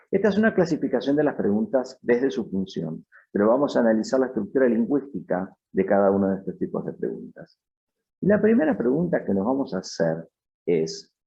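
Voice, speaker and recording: A man teaching a lesson in measured, explanatory scripted narration. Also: fairly low pitch, vocal fry, dark tone. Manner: measured, explanatory, reads out example sentences. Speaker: English teacher. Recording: dull, lo-fi sound.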